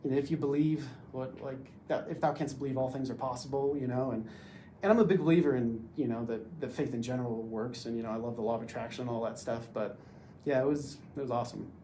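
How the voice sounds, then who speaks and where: A man's voice: mid-range voice, fast talker, mellow, a little hiss or hum. A man telling his own story as a podcast guest, rambling with lots of filler words. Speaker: podcast guest, door-to-door salesman. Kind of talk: casual storytelling.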